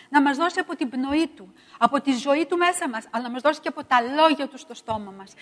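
A middle-aged woman preaching a sermon, emphatic and repetitive, swinging between loud stresses and hushed asides. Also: high-pitched, big-room sound.

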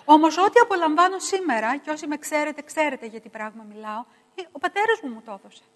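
A middle-aged woman preaching a sermon, emphatic and repetitive, swinging between loud stresses and hushed asides. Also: high voice, animated, long reverb tail.

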